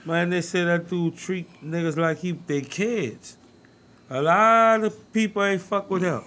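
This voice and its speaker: A man's voice: sits high, unhurried, a bit bright. A man co-hosting a sports podcast, chiming in with short profane agreements and remarks. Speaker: podcast co-host. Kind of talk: casual sports talk.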